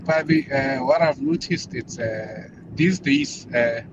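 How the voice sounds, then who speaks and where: A man's voice: mid-range voice, slow pace. A man from South Africa speaking in a recorded voice message, hesitant and full of fillers. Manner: hesitant, with many uh fillers and restarts. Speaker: listener sending a voice note. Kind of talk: casual opinion. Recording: lo-fi voice note with background noise.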